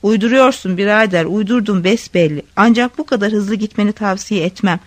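A woman's voice: medium pitch, fairly quick, no echo, lightly acted. A woman voicing a timid, cowardly male official in a read-aloud story, who blusters and then pleads. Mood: blustering.

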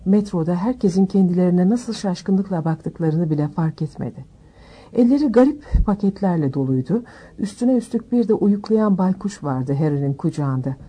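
A woman narrating a storybook aloud in a steady, measured reading voice. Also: lowish voice, slightly rough. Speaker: audiobook narrator.

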